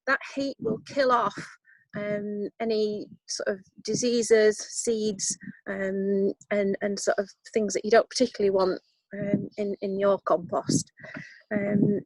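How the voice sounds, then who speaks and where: A slightly high, creaky female voice with a Yorkshire accent comes through a rough recording with no echo. Out in her garden, she leads a relaxed composting session online, full of ums, friendly chatter and self-deprecating remarks.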